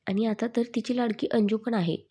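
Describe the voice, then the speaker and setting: Calm young mother, as a woman reads her. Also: a little high, fairly quick, slightly rough. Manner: quiet, content.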